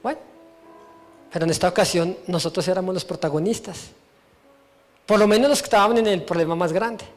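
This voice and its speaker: A male pastor preaching and telling a testimony to a church, storytelling with feeling and falling to a hush at moving moments. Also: high voice, brisk, pauses often, soft background music. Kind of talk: testimony sermon.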